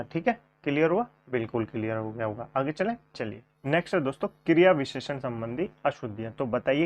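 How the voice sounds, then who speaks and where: A man teaching a grammar coaching class, asking questions and repeating the answers to his viewers. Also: fairly high pitch. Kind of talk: online coaching class lesson. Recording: dull lo-fi sound.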